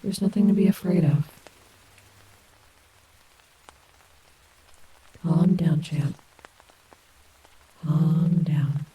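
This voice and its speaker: A woman's voice: deep voice, takes it slowly, dark tone, husky, exaggerated voice, poor audio. A woman voicing a hot-tempered but protective female animatronic wolf in an audio roleplay, sarcastic and blunt. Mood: soothing.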